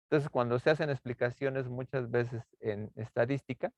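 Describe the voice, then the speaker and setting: A man lecturing a class on rhetorical figures, halting often with fillers and tag questions. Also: medium pitch, steady tone, no echo. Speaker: university lecturer. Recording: tinny phone-like online class audio.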